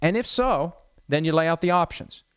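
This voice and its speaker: A man's voice: a little high, expressive, moderate pace, smooth, no room sound. Wry, talkative middle-aged man on a dull, dry mic. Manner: conversational, wry asides, explains legal points plainly. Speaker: sports talk show host. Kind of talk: casual talk-show commentary.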